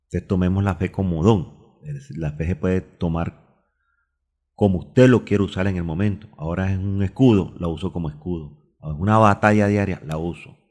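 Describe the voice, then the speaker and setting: A man's voice: deep voice, a little fast, a little mellow. A man with a Colombian Spanish accent preaching a radio sermon, stopping to look up Bible verses aloud and drawing out key words. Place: radio studio.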